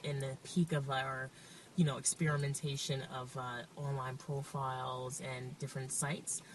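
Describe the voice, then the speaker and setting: A woman in her thirties, speaking in a documentary interview, hesitant with many pauses and fillers. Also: very deep voice, little pitch movement, a little hiss or hum. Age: 30s. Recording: distant mic with faint music.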